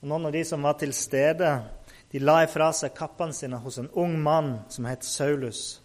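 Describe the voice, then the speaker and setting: A man's voice: on the high side, fairly even intonation. Man retelling a Bible story. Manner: unscripted retelling with fillers. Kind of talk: casual Bible story narration.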